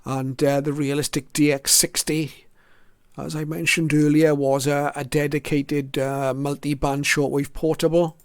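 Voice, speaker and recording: Here an older or middle-aged man narrates a relaxed show-and-tell of his collection, hesitating frequently as he reflects on each item in turn. His voice is a bit high, level in pitch, clean and smooth, and he keeps a measured pace. Sound is dry and studio clean.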